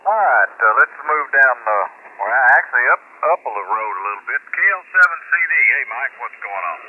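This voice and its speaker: A man's voice: medium pitch, very animated, fast talker, phone-quality sound, slight background noise. Easygoing man hosting a radio net. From Texas. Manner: easygoing, chatty. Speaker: net control host. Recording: distant voice over shortwave radio.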